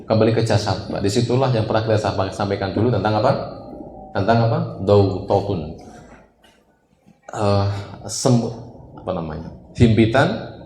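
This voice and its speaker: Male preacher with a lowish voice, sermon style, quizzing the congregation, echoey room with faint background noise. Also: normal speed, long pauses, darkish tone. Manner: quizzes the congregation, call-and-response. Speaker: Islamic preacher.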